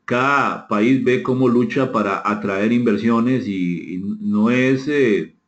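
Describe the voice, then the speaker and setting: With a lowish voice and a Costa Rican accent, a man from Costa Rica runs an interactive webinar from an indoor room. He courteously invites participation, reading out chat comments and answering them while repeating phrases. The audio is muffled and dull, in an echoey room.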